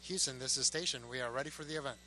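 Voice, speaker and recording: A man's voice: medium pitch, very fast, sharp tone. A man speaking as an astronaut interviewee, answering casually from aboard a space station. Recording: noisy space station link with hum.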